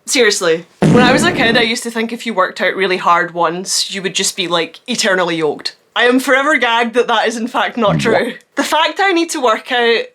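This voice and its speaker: Grumbling, bright-voiced woman, exasperated and sardonic. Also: a little high, lively intonation, brisk, hardly any pauses. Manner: sweary, hyperbolic. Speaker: solo video host. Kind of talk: comedic grumbling rant to camera.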